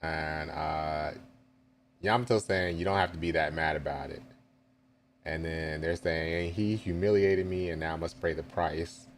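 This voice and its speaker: A deep-voiced man takes his time, reading manga panels aloud and reacting in a relaxed, chatty way. A light hiss sits under his voice. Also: a little slow. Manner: reads panels aloud with casual asides and chuckles.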